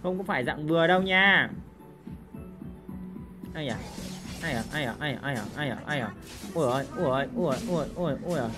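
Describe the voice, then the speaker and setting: Woman yelling along to her match, game music going behind her. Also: low-pitched, fairly quick, long pauses. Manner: excitable, full of loud exclamations and repeated cries. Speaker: game streamer. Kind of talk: live gameplay commentary. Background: game music and sound effects.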